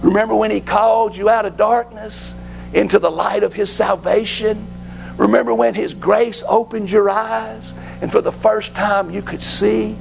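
Male preacher, fervent, high-pitched, very gravelly, for church sermon work. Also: steady tone, normal speed, soft background music, rough recording. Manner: fervent, dropping to hushed whispers.

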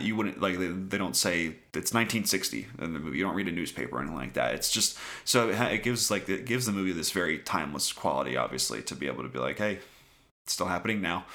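A man's voice: low voice, vocal fry, bright, forceful tone. A man co-hosting a podcast, chatting casually about festival films and rambling with many restarts. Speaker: podcast co-host. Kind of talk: casual film review chat.

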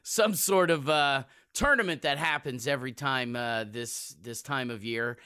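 A man's voice: medium pitch, measured pace, sharp tone, clear, resonant tone, no echo, clean studio sound. A man hosting a sports podcast in a casual, emphatic and jokey conversational way.

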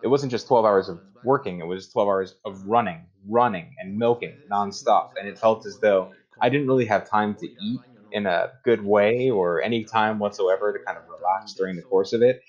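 A man interpreting as a translation voice-over, speaking another person's account in the first person with halting, deliberate phrasing, on a dull online call recording. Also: lowish voice.

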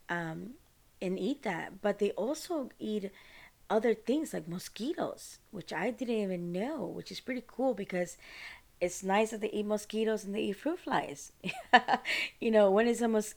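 A woman's voice: medium pitch, a little mellow. Chatty woman from Costa Rica. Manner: chatty, rambling, informal. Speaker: podcast host. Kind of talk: casual solo monologue.

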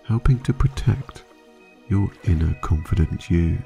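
A man narrating a guided sleep meditation like a sleep story narrator, calm, measured and hypnotic, with long pauses between phrases. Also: deep voice, gravelly, lo-fi sound. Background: soft music.

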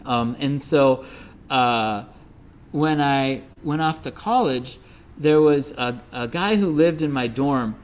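A man's voice: mid-range voice, takes it slowly. A middle-aged Midwestern man giving a Buddhist dharma talk as a teacher, telling stories conversationally with many fillers. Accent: Midwestern American.

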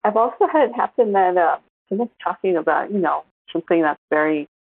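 Woman with a gravelly low voice. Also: lively intonation, brisk, no room sound. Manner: chatty, laughs easily, many fillers. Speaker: podcast co-host. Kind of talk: casual chat. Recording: tinny phone-like line.

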